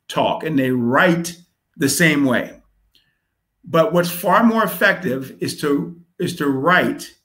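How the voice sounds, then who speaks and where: A man's voice: a little high, a bit bright. A man giving a casual marketing lesson on a live stream, talking conversationally with lots of fillers and asking "right?" often. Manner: reads his own letter aloud. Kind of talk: casual instructional talk.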